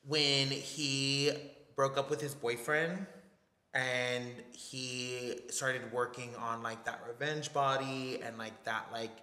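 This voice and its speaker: Bright-voiced young man chatting. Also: mid-range voice, takes it slowly. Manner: animated, mimics friends' voices when retelling. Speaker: podcast co-host. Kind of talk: casual chat. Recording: echoey room with long reverb.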